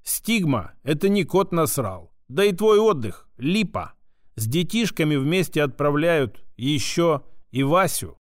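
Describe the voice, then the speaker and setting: A man's voice: a little high, very animated, measured pace, no echo, clean studio sound. A man doing a sly, mocking male official. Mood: mocking, firm. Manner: mocking, drawling, familiar.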